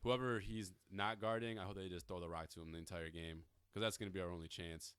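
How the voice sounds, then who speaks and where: Man, young adult, podcast host, casual sports chat, self-mocking, low smooth voice, dry sound. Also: steady tone, quick pace, fairly bright tone, no room sound. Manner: gloomy, self-mocking fan talk.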